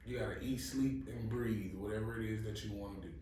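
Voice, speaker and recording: His voice sits on the low side with a dark tone and fairly even intonation, and he talks briskly. The blunt podcast co-host from New Orleans, Louisiana is far from the mic in an echoey room, with a little hiss or hum. Chatting casually, he offers blunt advice in a profane, emphatic, motivational way.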